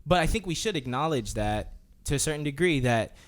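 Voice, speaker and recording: Animated man rambling on a podcast. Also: on the high side, brisk. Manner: animated, loose, full of restarts and fillers. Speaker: podcast co-host. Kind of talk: casual podcast chat.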